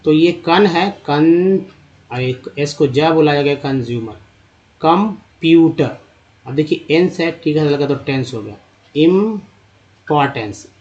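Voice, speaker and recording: A man teaching English reading in a spoken Hindi phonics lesson. He addresses viewers as friends, spells out letters and sounds out word parts slowly. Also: a little high, darkish tone, dull audio.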